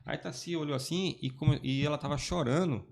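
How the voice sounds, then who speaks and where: A man's voice: on the high side, a little fast, vocal fry, a little mellow. A man, telling his faith story as a guest in a casual chat, rambling and often restarting his sentences. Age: 40s.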